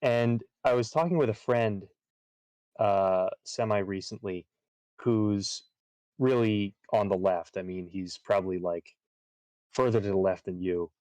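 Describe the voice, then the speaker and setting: A man's voice: on the low side, measured pace, a little mellow, no echo. A man chatting casually on a livestream, rambling with lots of fillers and restarts. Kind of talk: casual chat while gaming on a livestream.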